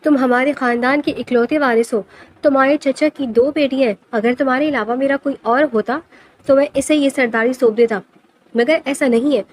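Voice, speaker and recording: In a storybook reading, a woman with a high-pitched, fairly even voice plays an angry, domineering grandfather who heads the clan. She speaks sternly and commandingly, in a firm, final way.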